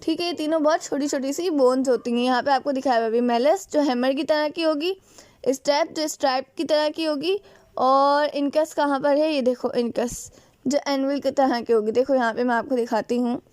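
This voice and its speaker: A high-voiced woman teaches biology with a Pakistani Urdu accent. She explains step by step, keeps asking questions and answering them herself, and switches into English terms. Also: fairly even intonation, moderate pace, darkish tone, no room sound. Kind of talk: classroom biology lecture.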